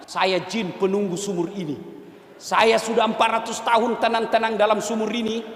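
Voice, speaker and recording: Fed-up ancient well spirit, loud and high, echoey hall, put on by a preacher. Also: male voice, flat delivery, normal speed, lightly acted. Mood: exasperated. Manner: loud, exasperated complaining. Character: grumpy old male well spirit, fed up.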